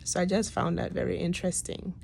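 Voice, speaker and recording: A woman's voice: fairly low pitch, level tone, fairly quick, creaky, a little mellow. A woman in her late thirties giving a casual, reflective video diary, sounding weak and tired after surgery, with hesitant, trailing phrases. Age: late 30s. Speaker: patient giving a personal health update. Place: hospital room. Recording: noticeable background room noise.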